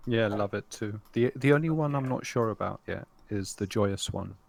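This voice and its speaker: A man's voice: on the low side, normal speed, vocal fry, darkish tone. A man chatting on a gaming podcast in a playful, joking way. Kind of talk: casual podcast chat.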